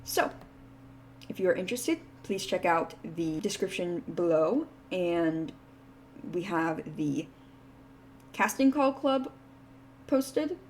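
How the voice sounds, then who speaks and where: Lowish, darkish and very animated, this woman VTuber's voice carries a little hiss or hum. She's announcing auditions for voice roles in her indie game, zipping through the terms casually and leaning heavily on "like."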